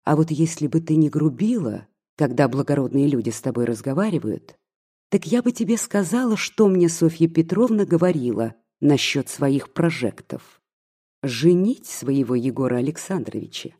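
A reader voicing a spiteful, gossiping old maid who mocks and pries, with a husky, mellow voice. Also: medium pitch, expressive, moderate pace. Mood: mocking. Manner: mocking, scolding, prying.

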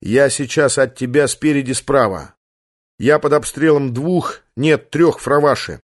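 A man reading an audiobook, voicing a calm, resigned male pilot who speaks quietly and steadily. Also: mid-range voice, a little slow, no room sound, clean studio sound, close to an everyday voice.

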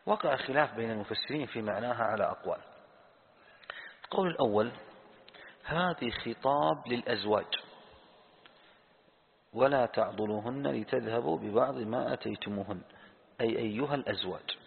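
A man teaching a lesson on Quran commentary, asking the audience questions and answering them himself, and slowly repeating key words. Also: mid-range voice, creaky. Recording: tinny phone-like sound in a reverberant hall.

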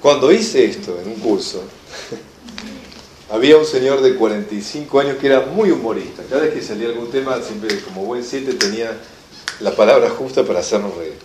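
A man with a Rioplatense Spanish accent teaching an enneagram class in a lively lecture style, acting out the people in his examples with humor. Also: medium pitch, normal speed, reverberant, a little hiss or hum. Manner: animated storyteller, acts out quoted voices with laughter.

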